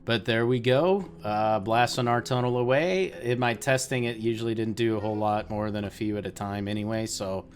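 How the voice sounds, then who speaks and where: A man hosting a let's play, chatting casually to viewers about his game and getting easily excited. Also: on the low side, moderate pace, hardly any pauses, a little hiss or hum. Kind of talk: casual gameplay commentary.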